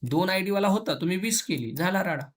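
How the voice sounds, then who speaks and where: A man teaching programming in a casual classroom lesson, colloquial and chatty, slipping in English phrases and acting out the tables and students in quick asides. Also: high-pitched, expressive.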